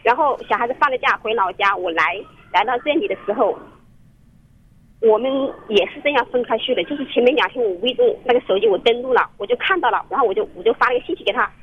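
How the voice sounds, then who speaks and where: A woman's voice: a little high, lively intonation, fast talker, breathy edge. A woman calling in to a radio counseling show, telling her story in an earnest, rambling way with many restarts, heard over a phone line. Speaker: caller. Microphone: telephone.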